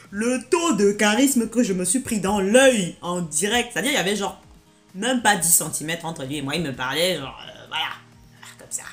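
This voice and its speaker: Animated young woman vlogger, faint music. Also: medium pitch. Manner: animated, exaggerated slangy storytelling with big swings in energy. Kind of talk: casual storytelling vlog.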